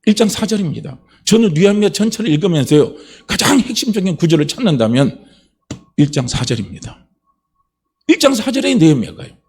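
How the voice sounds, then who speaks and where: A man preaching a sermon as pastor, asking rhetorical questions and building to passionate, high-pitched emphasis. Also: very animated, brisk, darkish tone, breathy edge.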